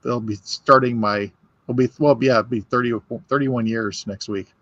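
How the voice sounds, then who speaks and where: A man's voice: mid-range voice, steady tone, moderate pace, a bit bright, no room sound, muffled recording. A man in his fifties telling rambling workplace stories in a casual chat, often restarting his sentences. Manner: rambling storyteller, restarts and laughs. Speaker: whiskey podcast host.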